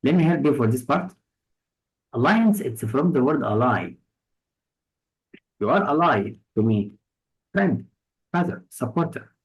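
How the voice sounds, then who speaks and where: A male English teacher with an Egyptian accent walks a student through vocabulary words. He speaks slowly and unhurriedly at a mid pitch, piling up examples and synonyms to pin down each meaning. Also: lively intonation, poor audio. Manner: patient, explains with many examples and synonyms. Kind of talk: test-prep lesson explaining words.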